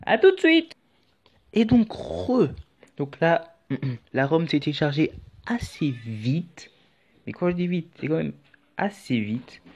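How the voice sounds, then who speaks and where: A man's voice: on the high side, expressive, takes it slowly, a little mellow, breathy edge. A man talking through a casual tutorial in a chatty, rambling way with jokey asides. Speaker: YouTube tutorial host. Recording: dull lo-fi audio with faint music.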